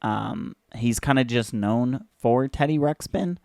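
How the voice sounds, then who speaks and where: A man's voice: medium pitch, takes it slowly, vocal fry, darkish tone, no echo, studio quality. A young man hosting a video, casually and sarcastically commenting on an old commercial, chatty and joking. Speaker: video host.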